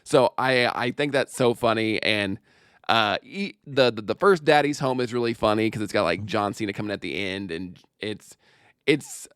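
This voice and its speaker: A man's voice: fairly low pitch, moderate pace, a bit bright, smooth, no room sound, studio quality. A male comedian chatting casually as a podcast guest, joking and laughing often.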